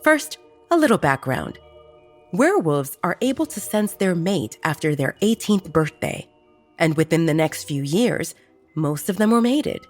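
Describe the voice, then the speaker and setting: Low-voiced woman narrating an audiobook. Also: sing-song, measured pace, soft background music. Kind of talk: scripted romance narration.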